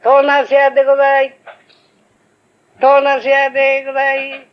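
A man's voice: sits high, sing-song, a little fast, gravelly, breathy edge, full character voice. An older man voicing a naive young master turned pumpkin peddler, timid and muttering to himself. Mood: calling wares. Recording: old lo-fi recording.

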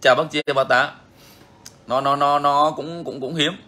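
Frank, chatty man with a bright voice. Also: fairly high pitch, fairly even intonation, unhurried. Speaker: bird-keeping channel host. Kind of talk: casual talk to viewers.

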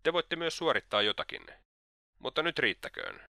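A man's voice: on the high side, animated, bright, forceful tone, no echo, studio quality, voice pushed up. A man voicing Svidrigailov, a sly, mocking old libertine who is slightly drunk.

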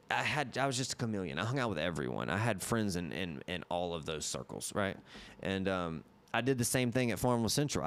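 A man, a podcast guest telling a long story casually, restarting often and repeating words, on a boom mic in a podcast studio. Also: clean tone. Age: 30s.

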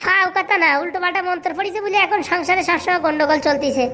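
An eager servant man in a cartoon with a very high, squeaky voice, chattering in a hurry. He is excitable and keeps urging everyone along. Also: quick pace. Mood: hurried. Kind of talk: comic cartoon voice acting.

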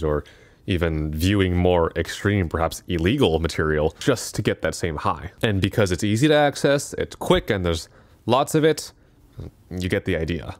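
A man's voice: low-pitched, no echo. A man narrating a video essay in a casual, conversational way, with asides and self-corrections.

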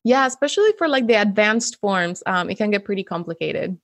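A woman's voice: mid-range voice, lively intonation, brisk, a bit bright, dry recording. Dry-sounding Venezuelan-born woman guest. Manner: friendly, laughs often, explains clearly. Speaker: guest, web developer. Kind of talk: casual interview. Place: home room. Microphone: close studio mic with pop filter.

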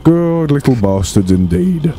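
A man's voice: on the high side, very animated, measured pace, warm tone, faint music behind. A man giving casual gameplay commentary, swearing freely and talking to the game's characters in bursts of exasperation. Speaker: let's play host.

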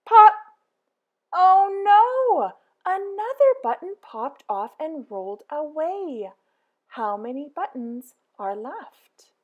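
A woman reading a children's picture book aloud in a slow, sing-song way, with big excited exclamations. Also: high voice, lo-fi sound. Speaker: storybook reader.

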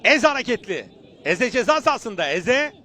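Very high-pitched, excited football commentator man. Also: normal speed, a little hiss or hum. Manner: short clipped phrases, intense and urgent. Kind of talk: excited live football match commentary, shouting at big moments.

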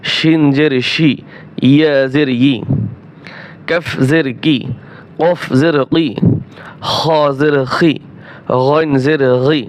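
A man teaching Quran reading, slowly spelling each Arabic letter with its vowel, repeating syllables for learners and asking and answering his own questions. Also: a little high, clean tone. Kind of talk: slow drilled recitation lesson.

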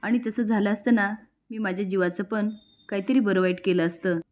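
A woman's voice: medium pitch, steady tone, fairly quick, a little mellow, lightly acted. A woman voicing a tender, emotional young man in love in a serial recap.

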